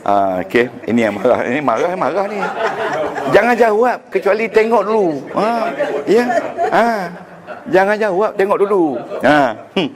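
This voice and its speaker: A man's voice: high-pitched, very animated, a little slow, over a noisy crowd. A man with a Malaysian Malay accent teaching Arabic grammar to a class, joking and quizzing the students as he goes. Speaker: religious teacher. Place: lecture room with students.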